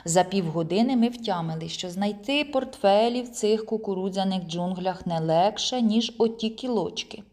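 A woman reading a children's audiobook aloud in an expressive first-person storytelling manner. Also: medium pitch, moderate pace, hardly any pauses. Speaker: audiobook reader. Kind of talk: storytelling narration.

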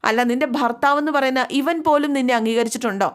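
Brief: unbending, scornful old schoolmaster father, read out by a woman storyteller, highish voice. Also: fast talker, clean tone, natural voice. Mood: stern, scornful.

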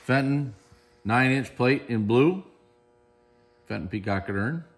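A mid-range male voice, animated and a little slow, has a breathy edge. The middle-aged speaker casually shows off auction lots in a large warehouse room, recorded on a handheld camera. He chats enthusiastically and compliments each piece.

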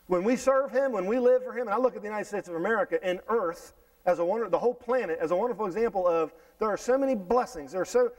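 A middle-aged pastor stands on a church sanctuary stage indoors, wearing a headset mic, reading scripture and explaining it at a quick pace. His fairly high voice is animated, often restarting and repeating words, and it sounds a little distant in the room.

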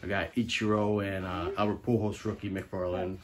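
Holding his phone as he walks through a carpeted room at home, a middle-aged vlogger shows it off in casual, slang-filled talk. He has a deep voice, keeps his tone level, and speaks at a normal speed.

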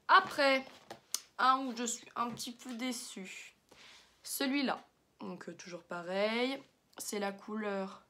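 A woman's voice: medium pitch, fairly bright tone, a little hiss or hum. A young woman chatting casually through a makeup haul, with many fillers and slang words. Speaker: beauty vlogger.

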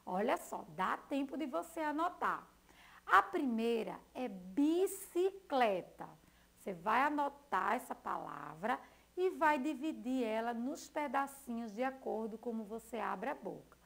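A woman teacher from Brazil giving a recorded lesson to young children, spelling out letters one by one in a slow, sing-song way. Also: fairly high pitch, expressive, vocal fry, a bit bright. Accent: Brazilian Portuguese.

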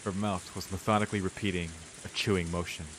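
Reading visual novel narration aloud, this young man speaks quickly in a low, deep, slightly bright voice with a level tone. He adds casual reactions as a let's player, and rain plus hiss are plainly audible behind him.

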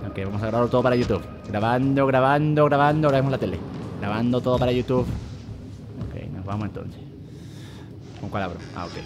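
A man's voice: medium pitch, fairly quick, long pauses, over music. A man giving casual let's-play commentary on a horror game, talking himself through each move and yelping when he gets scared. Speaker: gamer playing a horror game.

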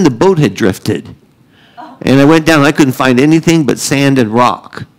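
A man's voice: a little high, rough recording. A middle-aged man preaching a sermon, telling joking, self-deprecating stories and laughing often. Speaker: pastor.

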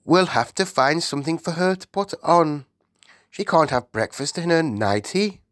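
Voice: medium pitch, animated, normal speed, no echo, studio quality, pitched above the performer's own voice, lightly acted. A storybook reader voicing a gracious, self-composed queen with a polite, formal manner. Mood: composed, courteous.

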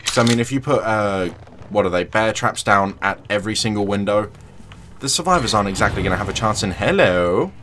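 A man's voice: fairly low pitch, animated, fairly quick, a bit bright, slight background noise. A young man casually commentating his own gameplay, chatty and jokey, sometimes teasing the other players. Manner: chatty, jokey, taunts opponents in a sing-song voice. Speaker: gaming channel host.

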